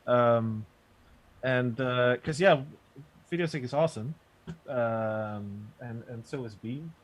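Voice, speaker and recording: Relaxed hesitant male guest demoing. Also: medium pitch, slow. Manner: relaxed, hesitant, many uhs. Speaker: guest software developer and producer. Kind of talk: casual explanation and demo. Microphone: video call, sits back from mic.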